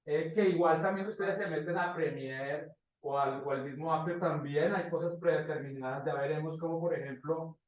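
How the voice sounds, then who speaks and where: Recorded from afar in an echoey indoor classroom with phone-quality sound, this motion graphics instructor speaks in a slightly high, steady voice. He teaches casually, stopping to find the right words and asking the class brief check-in questions.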